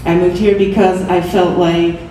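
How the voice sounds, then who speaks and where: At a gallery event space, a young Brazilian artist, a Portuguese speaker, talks earnestly about her work on a panel and occasionally restarts her sentences. She has a lowish, mellow voice with a level tone and normal speed. Slight background noise is present, and the echoey room is picked up by a distant mic.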